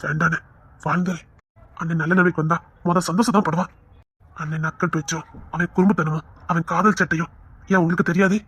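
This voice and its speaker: A man's voice: a little high, flat delivery, fast, fairly bright tone, breathy edge. A man playing an earnest, pleading younger brother.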